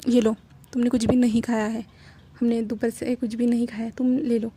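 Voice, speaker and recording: A woman reading the lines of a cocky, grudgingly caring rich young man, a bit louder than her narration, with a husky voice. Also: fairly high pitch, little pitch movement, moderate pace.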